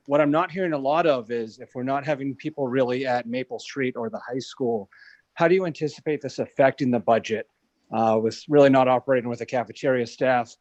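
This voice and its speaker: A man's voice: mid-range voice, darkish tone, no room sound, muffled recording. A man on a video call asking direct, probing questions at a public meeting.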